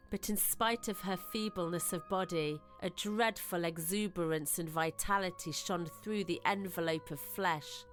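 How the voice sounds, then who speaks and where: A woman with a lowish voice reads scripted ghost-story narration, measured, literary and suspenseful, in the style of a radio drama.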